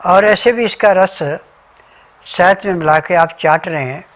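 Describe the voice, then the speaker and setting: A man's voice: high-pitched, a little slow, a bit bright. Methodical man explaining home remedies. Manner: methodical, lists remedies and diet rules step by step. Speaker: Ayurvedic remedy advisor. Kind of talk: instructional health talk.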